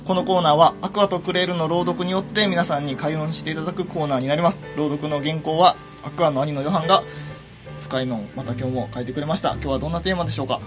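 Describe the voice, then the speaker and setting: Fast-talking radio host. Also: male voice, a little high, steady tone. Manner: chatty, leans on 'ne' fillers. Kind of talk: casual radio talk. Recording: music playing behind.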